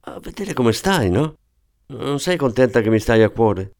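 A man reading aloud and voicing an eager, clumsy small-time thief with a wheedling, excitable manner. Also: medium pitch, measured pace, voice pushed up. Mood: coaxing. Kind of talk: audiobook character voice.

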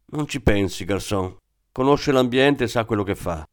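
A man reading the lines of a calm, pragmatic female police inspector in an audiobook. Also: fairly low pitch, moderate pace, natural voice.

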